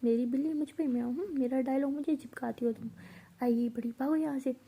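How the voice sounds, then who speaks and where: A woman puts on a playful, affectionate young woman from a spoken love story. Her voice sits high yet sounds dark, soft and breathy, and she teases and coaxes, often close to a whisper. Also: steady tone, brisk. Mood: teasing.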